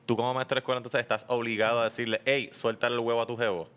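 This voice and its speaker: A man's voice: mid-range voice, level tone, rapid-fire, fairly bright tone, clear, resonant tone. A Puerto Rican man co-hosting a podcast, asking questions and adding short remarks. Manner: questioning, interjecting.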